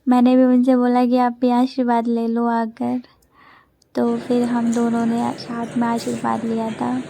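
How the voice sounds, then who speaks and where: A woman's voice: a little high, monotone, measured pace, gravelly, warm tone. A woman in her twenties narrating her vlog in a chatty voice-over, telling a loose story with many restarts. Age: 20s. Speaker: vlogger.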